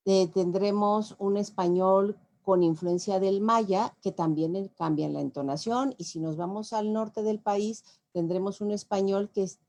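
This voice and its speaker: Mexican woman lecturing, gravelly and mellow. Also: medium pitch. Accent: Mexican Spanish. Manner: explanatory, conversational, with filler "eh". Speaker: guest lecturer, linguist. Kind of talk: lecture answering audience questions.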